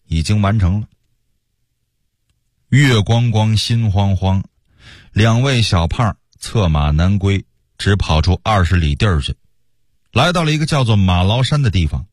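A man telling a historical tale on radio with lively, humorous storytelling. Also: low voice, slightly rough, dry recording, studio quality.

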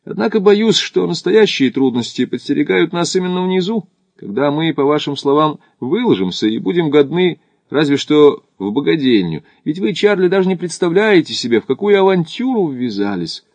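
A man's voice: on the high side, sing-song, moderate pace, hardly any pauses, darkish tone, no room sound, voice pushed up. A man voicing a skeptical, cautious male doctor who climbs as an amateur, wry and guarded. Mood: wary.

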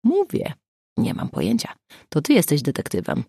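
A woman doing a gruff sarcastic old pathologist. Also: on the low side, huge pitch swings, normal speed, warm tone, dry recording, studio quality, exaggerated voice. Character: grumpy older male forensic pathologist, sarcastic. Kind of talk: audiobook character voice.

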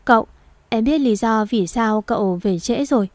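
A woman's voice: on the high side, moderate pace, a little mellow, no echo, close to an everyday voice. Woman voicing a timid young servant girl. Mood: meek. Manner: pleading, polite and anxious.

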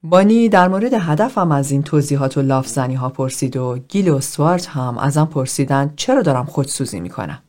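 Female narrator voicing an aloof man: flat, unemotional, low and quiet. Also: few pauses. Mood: detached. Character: cold, detached man, aloof loner.

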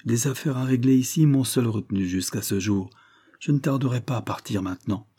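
A man voicing a reserved young lord who answers in short, quiet replies. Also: medium pitch, a little fast, breathy edge, no echo, clean studio sound, natural voice.

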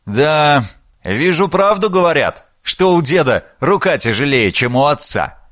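A man's voice: a little high, very animated, a little slow, a bit bright, no echo, clean studio sound. A man voicing a teasing, mocking young man who needles his sisters in an audiobook.

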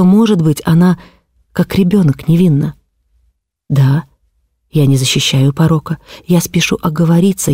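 Audiobook: woman playing desperate noblewoman, breathless indignation, warm dark timbre. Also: low-pitched, no room sound, studio quality. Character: distraught noblewoman defending her ward, impassioned. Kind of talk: audiobook character reading.

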